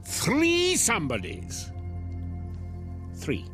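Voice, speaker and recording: Smug, animated salesman Devil. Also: very high-pitched, extremely slow, faint music behind, heavily acted. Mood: insistent, impatient. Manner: smug, breezy, mocking, theatrical. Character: the devil as a glib, taunting, informal salesman. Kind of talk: radio drama acting.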